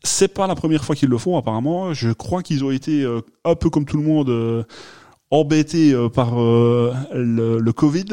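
A man's voice: medium pitch, normal speed, warm tone, no echo, studio quality. A man hosting a casual podcast, talking in a hesitant way with many fillers and restarts. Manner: laughs at his own accent. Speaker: podcast host.

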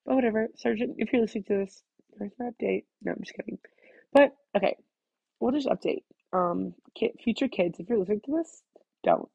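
A teenage girl with a nasal voice, rambling fast through a casual solo vlog, full of "like". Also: mid-range voice, creaky, dark tone, husky, dry recording, dull audio. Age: teens. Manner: fast-talking, scattered, full of "like". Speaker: student vlogger.

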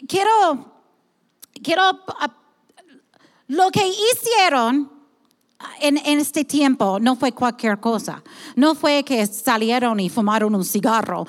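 High-voiced woman preaching in a hall. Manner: impassioned, acts out God's voice, many restarts. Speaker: pastor. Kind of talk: sermon.

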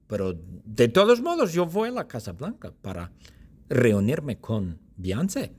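A man speaking as a suspicious fellow heading to a meeting, in slow, simple, repeated sentences. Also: mid-range voice, huge pitch swings, darkish tone, breathy edge, heavily acted. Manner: slow, simple, repetitive storytelling.

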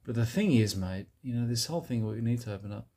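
A man playing a blokey Australian bro who gives dubious advice in a satirical monologue, with a husky, laddish way of talking. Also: mid-range voice, animated, fast talker, darkish tone. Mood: matter-of-fact. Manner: laddish, drops "mate" and "bloody" constantly.

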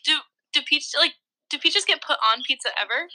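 A young woman co-hosting a casual podcast chat, giggly and quick to laugh. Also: high voice, lively intonation, bright, forceful tone. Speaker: podcast co-host.

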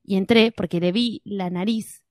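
A woman's voice: mid-range voice, fairly even intonation, normal speed, no echo, clean studio sound. A young woman with an Argentine Rioplatense accent telling anecdotes as a podcast co-host in casual chat, and repeating words for effect.

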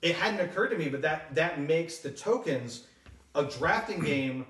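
A man co-hosting a podcast, thinking out loud in a rambling, casual way. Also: fairly high pitch, animated, measured pace, recorded from a distance. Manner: rambling, thinks aloud with fillers. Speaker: podcast co-host. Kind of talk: casual board game podcast chat. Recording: roomy sound, a bit off mic.

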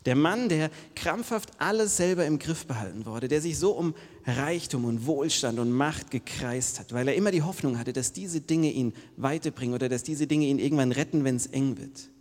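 A male pastor preaching a sermon in a casual storytelling way, jumping between loud bursts and hushed whispers. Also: mid-range voice, normal speed. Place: church hall. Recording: long hall reverb.

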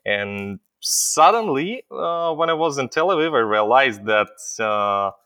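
A man's voice: medium pitch, bright, forceful tone, dry recording. A middle-aged man born in Ukraine, a company CEO telling his story as an interview guest, with many hesitant fillers.

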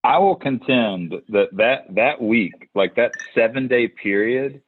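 A podcast host with a mid-range voice speaks slowly, telling stories in a casual chat and lively mimicking the people he quotes, often restarting his sentences. The recording is dry and tinny like a phone, with a little hiss or hum.

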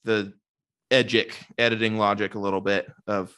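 A man co-hosting a podcast in casual chat, making his points in a measured, reasoned way. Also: on the low side, level tone, a bit bright, clear, resonant tone. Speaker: podcast co-host.

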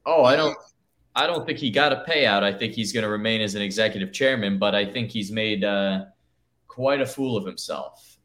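Low-voiced rambling man, echoey room. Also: fairly bright tone. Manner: loose, rambling delivery full of "you know". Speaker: podcast co-host. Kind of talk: casual chat.

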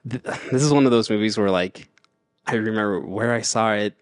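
A man co-hosting a casual movie podcast. He talks in a relaxed, thoughtful way and often trails off and starts over. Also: fairly low pitch, a little fast, no echo, studio quality. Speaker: podcast co-host. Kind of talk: casual chat.

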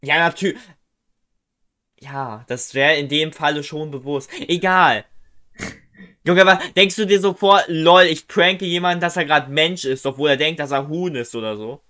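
A young man chatting loosely and excitably with a friend, dropping slang. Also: on the high side, normal speed. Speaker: co-host. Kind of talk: casual chat.

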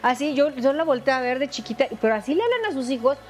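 A woman's voice: quick pace, faint music behind. A woman with a Mexican Spanish accent, talking expressively on a casual panel show. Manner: expressive, swings her pitch widely.

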